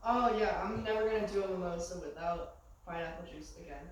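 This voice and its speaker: A woman's voice: lowish voice, fairly quick, very echoey, recorded from a distance, lo-fi sound. A woman co-hosting a casual comedy podcast, dry and understated. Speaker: podcast co-host.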